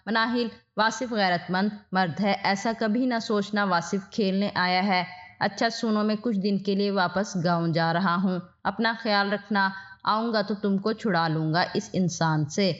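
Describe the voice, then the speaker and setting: A woman voicing a kind young male lawyer in a spoken story, with gentle, reassuring lines. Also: mid-range voice, natural voice. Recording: dull lo-fi audio.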